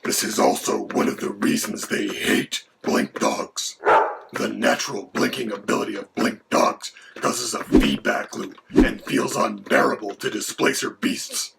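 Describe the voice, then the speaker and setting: A man voicing a menacing male dragon who co-hosts, with a gravelly, whispery voice. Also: mid-range voice, huge pitch swings, measured pace, heavily acted. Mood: matter-of-fact. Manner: mock-menacing, then lecturing in turn with the host. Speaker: co-host. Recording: background noise.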